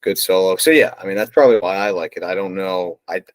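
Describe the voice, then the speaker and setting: A man's voice: low voice, quick pace, dry recording. A man chatting casually about songs, hesitant and full of fillers and restarts. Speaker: co-host ranking songs. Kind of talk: casual chat.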